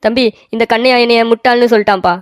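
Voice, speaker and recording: A proud old village man from a cartoon story whines and brags in quick bursts, repeating his points over and over, as a woman puts him on. The sound is dry and close to the mic. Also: mid-range voice, no room sound, close to an everyday voice. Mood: whining. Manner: whiny and boastful, repeats himself.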